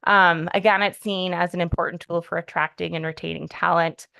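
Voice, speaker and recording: Woman presenting policy with a low, gravelly voice. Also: fairly even intonation, fairly quick, sharp tone, no echo. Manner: careful, explanatory, many "um" fillers. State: voice quivering with emotion. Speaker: town staff presenting to the board. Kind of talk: public meeting presentation. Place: town hall meeting room.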